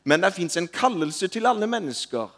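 A man preaching a sermon, telling stories in a lively way that rises to loud calls and drops to soft asides. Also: sits high. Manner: animated, rising to loud calls when retelling. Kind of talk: sermon with storytelling.

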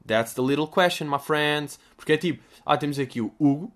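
A man's voice: a little high, a little fast, a bit bright. A young man with a European Portuguese accent, answering listener questions in a rambling, crude, jokey comedic monologue.

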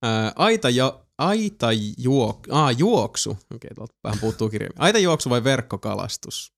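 A man reads out would-you-rather questions to his friends in a loose, joking way. His voice has a gravelly edge and swings up and down in pitch. He laughs easily and swears casually. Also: very animated. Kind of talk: casual chat among friends.

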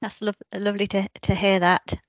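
A woman's voice: mid-range voice, level tone, fairly quick, no room sound, muffled recording. A woman hosting a podcast interview, asking long rambling questions with many restarts.

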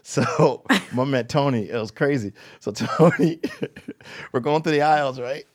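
A man's voice: mid-range voice, measured pace. A man, a podcast guest, chatting casually and telling comic stories in a joking, slangy way. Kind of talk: casual chat and comic storytelling.

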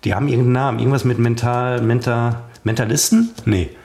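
A man's voice: medium pitch, steady tone, fast talker, a little mellow. A man co-hosting a podcast, running silly quiz games in playful banter with a mock-serious showman manner. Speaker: podcast co-host.

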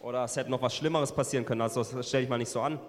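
A man with a mid-pitched voice interprets a sermon phrase by phrase. He hesitates often, filling gaps and fixing his words as he goes. His voice rings with a long reverb around it. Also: steady tone, rapid-fire. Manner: hesitant, frequent fillers and self-corrections.

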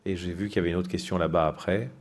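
A man's voice: sits low, steady tone, racing. A man moderating a public discussion informally, with hesitant, conversational phrasing.

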